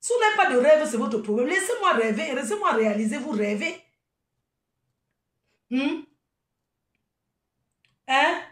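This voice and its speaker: Combative high-voiced woman, echoey room. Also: big pitch swings, a little slow, long pauses, a bit bright, recorded from a distance. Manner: combative, mocking, laughing. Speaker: event promoter. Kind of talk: live video rant.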